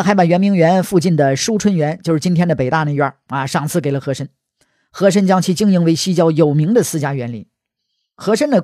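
A man's voice: fairly high pitch, darkish tone, no room sound, studio quality. Chatty male storyteller. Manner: chatty, asides to listener, heavy erhua. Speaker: history storyteller. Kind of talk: colloquial storytelling.

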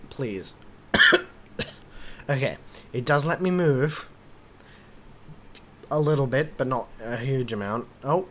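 A tipsy man drawls through a rambling game commentary, slow and unhurried, swearing and muttering to himself. His voice sits at an ordinary middle pitch, with a faint hum of room noise behind it. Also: a bit bright. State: drunk. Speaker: gaming commentator.

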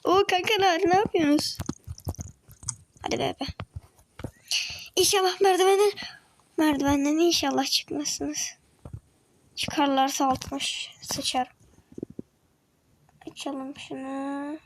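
A high-pitched young woman chatters her way through a video game, excitable and quick to react. She keeps talking to her viewers and to the creatures on screen, and now and then drops to a whisper. A clear hiss of background noise sits under her voice. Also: poor audio. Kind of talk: casual gameplay commentary.

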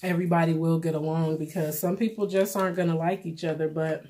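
A middle-aged woman giving casual, plainspoken vlog commentary while eating, pausing for bites and repeating phrases for emphasis. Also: low-pitched, steady tone, dark tone. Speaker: vlogger. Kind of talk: casual mukbang commentary chat.

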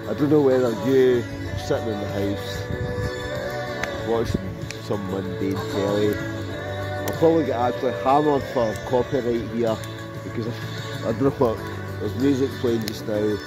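This casual camping vlog features a Scot cheerfully talking to viewers as he cooks by a campfire at night. He has a medium-pitched voice, an unhurried pace and many pauses, and the poor outdoor audio carries background music and sizzling food.

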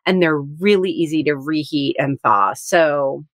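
A woman's voice: sits low, measured pace, dry recording, studio quality. A woman co-hosting a podcast in casual chat, enthusiastic and talkative, often laughing. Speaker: podcast co-host.

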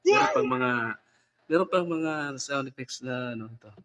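A man's voice: medium pitch, expressive, normal speed, heavy background noise. A man vlogging casually and chattily, trying out a new condenser mic and sound card. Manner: chatty, giggly, trying out gear. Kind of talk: casual vlog chat. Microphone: condenser microphone.

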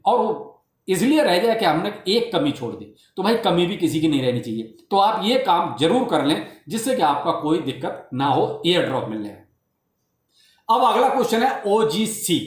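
A man with a high, lively voice that swings widely up and down as he talks. He explains things casually and chattily, often calling his viewers brother. The recording is roomy, with clear echo around his voice. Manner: chatty, repeats filler phrases, calls viewers brother. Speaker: crypto YouTuber. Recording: roomy echoey room sound.

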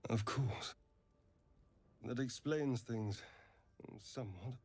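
An actor playing a sly, arrogant male elf rogue in a video game, with a husky, mocking drawl. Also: medium pitch, takes it slowly, a little mellow. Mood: smug. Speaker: game companion.

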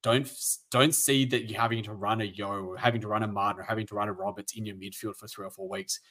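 Low-voiced man explaining strategy. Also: steady tone, fast, a bit bright. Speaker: fantasy football panelist. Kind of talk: casual panel chat.

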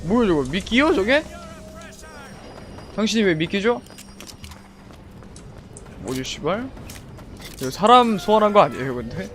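A young man streaming a video game live, swearing a lot and shouting at the action on screen. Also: high-pitched, big pitch swings, a little slow, pauses often, a little hiss or hum. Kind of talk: live gameplay commentary. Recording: game music behind. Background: faint game music.

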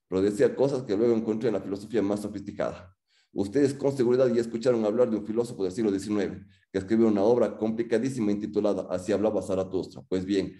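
A man in his late thirties tells a personal story with humor, acting out the quotes of others. His voice is low and dark. It rings in a roomy, echoing space. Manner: humorous, animated, acts out quotes.

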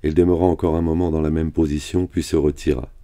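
Male reader with an extremely deep, dark voice, flat and steady, reading a novel aloud. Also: fast talker.

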